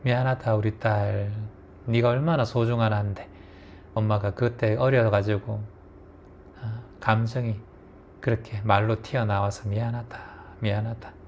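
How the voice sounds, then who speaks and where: A man voicing an aging mother with a Gyeongsang accent who gently apologizes to her daughter in a hushed, tender way. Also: lowish voice, little pitch movement, unhurried, highs cut off, slight background noise. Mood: remorseful. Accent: Gyeongsang Korean.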